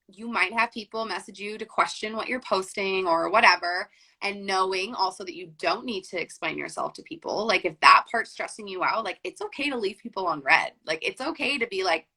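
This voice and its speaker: A young woman guest on a podcast talks casually and chattily in an interview, peppering her speech with "like" and "um." Her mid-range voice is bright with a forceful tone, and the recording is rough.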